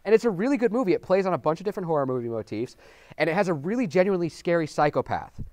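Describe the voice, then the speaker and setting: A man co-hosting a film review show, joking and talking to the viewers in an animated, casual way. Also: on the high side, rapid-fire, no room sound. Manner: animated, jokey, talks to viewers as folks. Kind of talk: casual movie review chat.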